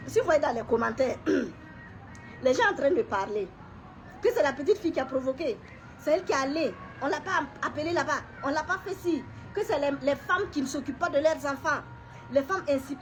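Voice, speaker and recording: A middle-aged woman gives an emotional personal testimony to camera. She talks haltingly, often repeating words, pausing and clearing her throat. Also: high-pitched, animated, soft background music. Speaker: woman sharing a personal story.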